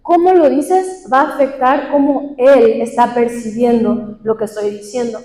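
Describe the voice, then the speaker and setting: Young female workshop speaker, chatty teaching style with questions to the room, high mellow voice. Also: steady tone, unhurried. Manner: conversational teaching with questions to the audience. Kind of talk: talk to a live group. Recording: echoey hall with long reverb.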